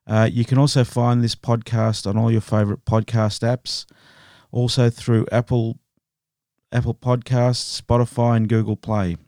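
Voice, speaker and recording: A man hosting a podcast, narrating a true crime story in a steady, measured way. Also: medium pitch, no echo, clean studio sound. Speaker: podcast host.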